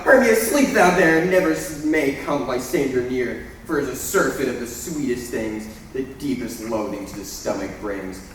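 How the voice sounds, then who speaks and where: A man's voice: medium pitch, expressive, moderate pace, hardly any pauses, slight background noise, natural voice. A young man playing an ardent young Athenian lover in a school stage play, delivering verse with playful swoops. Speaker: stage actor. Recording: echoey hall from far off.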